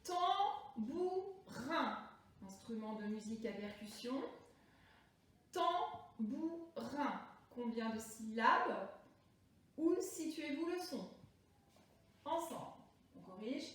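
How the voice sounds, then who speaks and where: A woman teaching young primary pupils a remote lesson, speaking slowly and deliberately and stretching out words for the children. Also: fairly high pitch, slight background noise. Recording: echoey room, voice from a distance.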